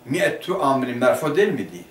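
A man's voice: mid-range voice, very animated, brisk. Man teaching grammar in a roomy classroom. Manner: asks the class questions and answers them himself. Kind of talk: Turkish madrasa lesson explaining a grammar text. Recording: roomy classroom picked up from a distance.

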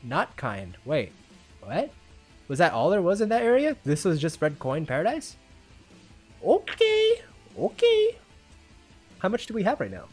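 A gamer giving excitable let's-play commentary, reacting aloud and talking to themself, with faint game music behind. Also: medium pitch, normal speed, slightly rough. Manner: excitable, reacts loudly with exclamations and self-talk. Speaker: gamer playing a Roblox obstacle game.

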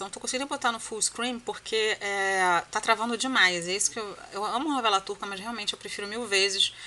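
A Brazilian woman with a bright, clear voice gives casual spoken commentary on a soap opera episode. She talks straight to her viewers and gets indignant and exclamatory about the characters. Her delivery is loose and conversational, full of restarts. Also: mid-range voice. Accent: Brazilian Portuguese. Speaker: host reacting to a Turkish soap episode.

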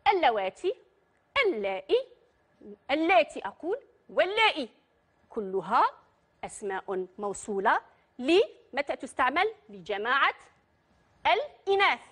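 Patiently questioning her pupils, a woman with an Algerian accent leads a primary school Arabic grammar lesson. She speaks at a moderate pace with long pauses, her high voice sing-song, a bit bright and breathy-edged.

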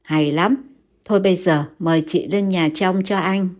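A woman voicing a calm young man who reassures a worried friend, in a steady, slightly lowered voice. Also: normal speed, natural voice. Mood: reassuring.

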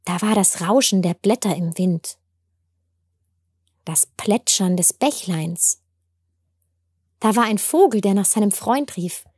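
A woman narrating a gentle storybook tale in a tender, wondering way. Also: mid-range voice, slow, long pauses, slightly rough, no echo, clean studio sound. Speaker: storyteller and author.

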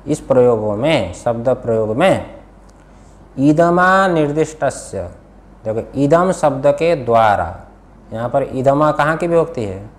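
A man's voice: mid-range voice, animated, a little slow. Male scripture teacher quizzing students. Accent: Hindi-speaking Indian. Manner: questions students, repeats key words. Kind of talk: classroom lesson, explaining a text.

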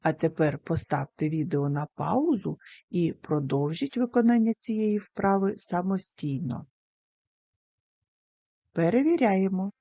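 Mellow-voiced woman teaching young children. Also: on the low side, lively intonation, no echo. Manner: slow, careful, sounds out words syllable by syllable. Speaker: primary school teacher. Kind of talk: recorded video lesson for young children.

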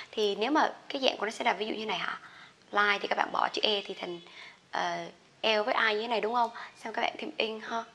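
A woman teaching an English grammar lesson. She explains in a chatty way and reads the example sentences slowly and loudly. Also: a little high, slight background noise.

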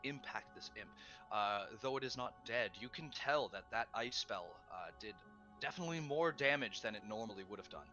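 A man's voice: medium pitch, animated, normal speed, bright, forceful tone, lo-fi sound, faint music behind. A man running a tabletop game as game master, narrating casually with many ums and the odd swear.

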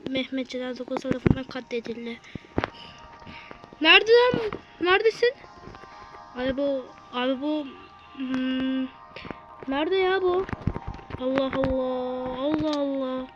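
A woman host giving chatty, excitable live commentary while playing a game, often bursting into shouts. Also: sits high, slow pace, pauses often, lo-fi sound, music in the background. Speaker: gameplay channel host. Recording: noisy home recording.

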